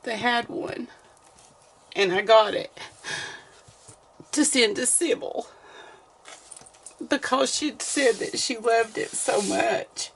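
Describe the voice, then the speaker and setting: Slow, creaky-voiced Southern woman. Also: fairly high pitch. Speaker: vlogger opening mail. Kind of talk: casual chat to viewers.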